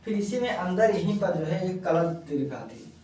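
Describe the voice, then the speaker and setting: A man's voice: high-pitched, expressive, darkish tone. Male lecturer, dictating pace, key words repeated; roomy echo, faint hiss. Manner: slow, repeats key words for note-taking. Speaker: teacher. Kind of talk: classroom lecture. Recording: echoey room, mic far off.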